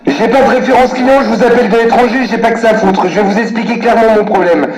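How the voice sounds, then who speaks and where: A man's voice: high voice, quick pace, a crowd in the background. A man ranting furiously at a customer service line, swearing constantly and muttering to himself between calls. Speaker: irate customer on a prank call. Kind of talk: angry phone rant, swearing. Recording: echoey room, recorded phone call.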